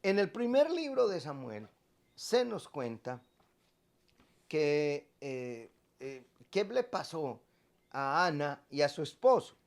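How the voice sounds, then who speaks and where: A man's voice: fairly high pitch, sing-song, takes it slowly. A man, a priest preaching a sermon and stressing points by repeating phrases.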